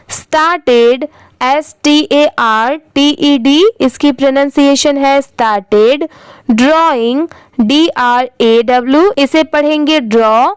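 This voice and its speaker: Woman, high voice, dry close recording, spelling words aloud letter by letter. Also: no room sound, low-quality recording. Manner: spells words letter by letter, then says them slowly. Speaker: English reading teacher. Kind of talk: slow spelling-out reading lesson.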